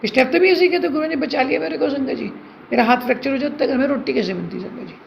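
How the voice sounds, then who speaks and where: Earnest devotional woman with a gravelly voice. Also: high voice, very fast. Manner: earnest, repeatedly addresses listeners as sangat ji. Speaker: devotee sharing a testimony. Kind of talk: devotional testimony to a congregation. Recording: dull lo-fi recording with faint hiss.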